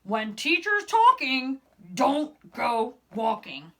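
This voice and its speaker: Woman acting a storybook boy shark, boisterous, over-eager, slow drawn-out words, bright and forceful. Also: high-pitched, big pitch swings, heavily acted. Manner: loud, drawn-out exclamations.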